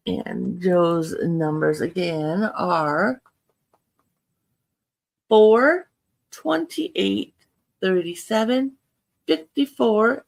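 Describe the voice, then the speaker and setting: A woman casually hosting an online bingo game, chatty, reading numbers deliberately and congratulating players. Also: mid-range voice, vocal fry. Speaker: bingo host.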